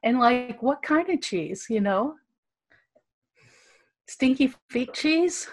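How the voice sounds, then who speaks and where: A woman's voice: a little high, lively intonation, slow, breathy edge, no echo. A woman co-hosting a podcast over a video call, chatting casually with a wry, curious manner. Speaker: podcast co-host. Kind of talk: casual chat.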